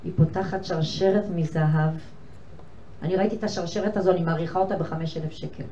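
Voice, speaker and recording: An older woman delivers a lively lecture, acting out conversations with sudden leaps in pitch and loudness. She sounds distant, caught from across an echoey hall with a faint hiss behind her. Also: lo-fi sound. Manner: animated, acts out dialogues with big swings in pitch and volume. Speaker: rebbetzin lecturing women. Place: lecture hall with an audience of women.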